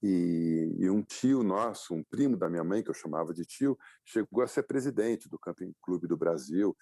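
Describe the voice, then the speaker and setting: A Brazilian man in his fifties, a publisher and adventurer appearing as a guest, tells his story reflectively in a casual interview, pausing on fillers and restarting sentences. His very low, gravelly voice has a dark, mellow, expressive tone, and the recording is dry and close.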